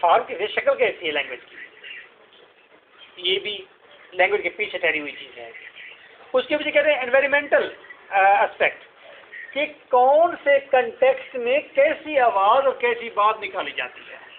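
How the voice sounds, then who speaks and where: A man teaching in a classroom, his voice pitched high and tinged. He explains patiently through repeated questions and everyday examples. The sound is thin and lo-fi, with a faint hiss underneath. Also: expressive, normal speed. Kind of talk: classroom lecture. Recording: tinny lo-fi classroom recording.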